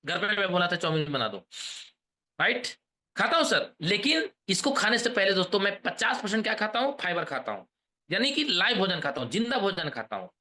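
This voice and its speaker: A man in his thirties giving an energetic sales pep talk on a video call, rousing the audience with questions and chants. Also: high voice, a little fast. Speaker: motivational trainer.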